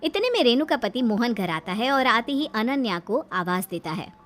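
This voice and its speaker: Expressive female storyteller, high and animated. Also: normal speed. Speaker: narrator. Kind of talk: storytelling narration.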